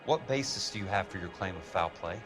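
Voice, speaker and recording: An actor playing a blunt, skeptical, wisecracking insurance investigator in a 1940s noir video game. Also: male voice, low-pitched, lively intonation, a little fast, music in the background. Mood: businesslike. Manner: blunt, condescending, wry.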